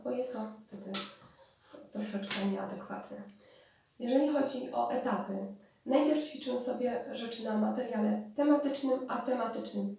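A woman explaining therapy methods in a spoken lecture, pausing and restarting as she thinks. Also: a little high, creaky, warm tone. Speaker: speech therapist. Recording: distant mic in very echoey room.

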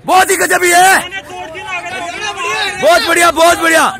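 A man coaching runners, shouting their names, cheering them on and calling out split times outdoors. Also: very high-pitched, little pitch movement, unhurried. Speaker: running coach. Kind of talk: shouted trackside encouragement and time calls. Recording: crowd and traffic noise outdoors.

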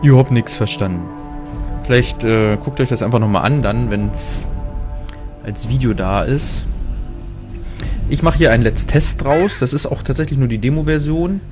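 This German let's play host has a mid-range voice, a moderate pace, and frequent pauses. He rambles casually through the menus, cutting himself off with fillers while game music plays.

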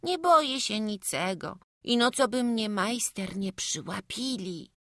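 A woman's voice: medium pitch, expressive, a little slow, dry recording, clean studio sound, voice pushed up. A woman voicing a small homesick peasant boy who talks with a childish dialect lisp. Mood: eager.

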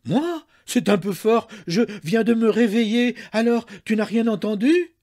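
A man's voice: lively intonation, measured pace, full character voice. A man voicing an indignant, hysterical young woman who shrieks in outrage at her lover. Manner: shrill, outraged shouting.

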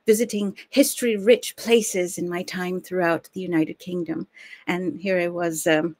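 Hosting a history live stream from her home study, a thirtysomething woman from the United States talks in a friendly, chatty manner, dropping small fillers. Her voice sits on the low side, and there's no room sound.

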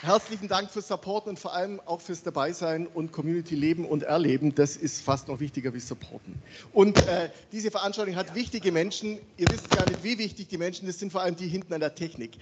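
A man with a rather high voice opens a conference from a large hall, handheld mic in hand. He calls out names with animated energy, and a faint hiss sits under the sound. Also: quick pace. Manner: animated, calling out names to the audience. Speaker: conference host. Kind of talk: opening address at a conference. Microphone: handheld microphone.

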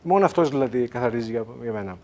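A man's voice: mid-range voice, lively intonation, a little mellow. A man who is a guest on a TV talk show, telling his story with emphasis and acting out the other people's lines in quoted voices. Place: TV studio.

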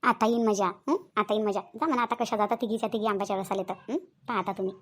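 A woman's voice: mid-range voice, steady tone, quick pace, voice pushed down, close to an everyday voice. A woman with a Vidarbha Marathi accent voicing a gossipy, meddling aunt in a cartoon, prying and egging others on. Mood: gleeful. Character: meddling gossipy aunt who stirs up trouble. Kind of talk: cartoon voice acting.

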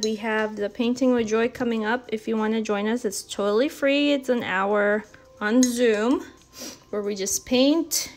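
A woman's voice: mid-range voice, a little hiss or hum. A woman giving a casual live painting lesson from home, chatty and encouraging as she thinks aloud. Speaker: art instructor.

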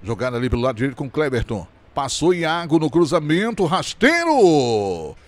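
A male football commentator. His voice sits high and swings widely in pitch. He calls the play live and excitedly, stretching key words into long cries. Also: normal speed, no echo.

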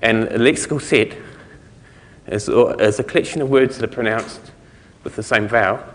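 A middle-aged man giving an informal conference lecture, explaining things in a halting way with trailing thoughts. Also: mid-range voice, a bit bright. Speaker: conference speaker. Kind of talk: technical lecture to an audience. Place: conference lecture room, indoors. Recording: reverberant hall recording.

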